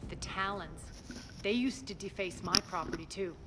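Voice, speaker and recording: A woman's voice: lowish voice, normal speed, heavy background noise, natural voice. An actress playing a commanding, hard-edged female crime boss in a sci-fi video game, speaking curtly and imperiously. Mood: guarded, businesslike. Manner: curt, imperious. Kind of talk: video game character acting. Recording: loud music behind the voice. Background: loud game music.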